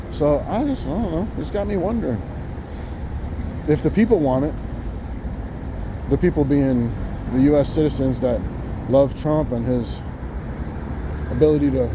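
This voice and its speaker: An American man giving a casual, rambling walk-and-talk monologue as he muses informally outdoors on a city sidewalk. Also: mid-range voice. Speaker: vlogger. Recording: outdoor street with loud traffic noise. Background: passing cars and trucks.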